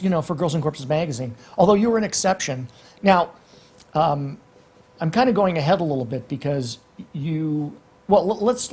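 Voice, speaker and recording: A man's voice: on the high side, darkish tone, slight background noise. A man hosting a casual interview show, effusive and rambling as he introduces and questions his guest. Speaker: talk show host.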